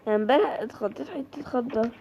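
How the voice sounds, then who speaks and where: A woman's voice: a little high, racing, muffled recording. A woman with an Egyptian accent chatting to her viewers while playing a horror game, yelping when startled. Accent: Egyptian Arabic. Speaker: gaming creator. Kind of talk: horror game let's play commentary.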